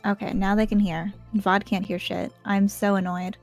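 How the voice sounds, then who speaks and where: A woman's voice: medium pitch, flat delivery, moderate pace, creaky, a little mellow, soft background music. A young woman chatting casually and bluntly over a livestream headset mic while drawing, swearing freely. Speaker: art streamer.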